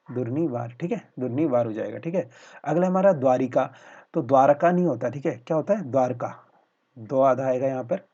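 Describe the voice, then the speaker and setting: A man's voice: medium pitch, mellow, breathy edge. A man teaching a Hindi spelling lesson for exam aspirants, spelling words out syllable by syllable and repeating a filler phrase as he asks and answers his own questions. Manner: talks to viewers as friends, asks questions then answers them. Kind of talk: spelling lesson over slides. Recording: dull lo-fi voice-over.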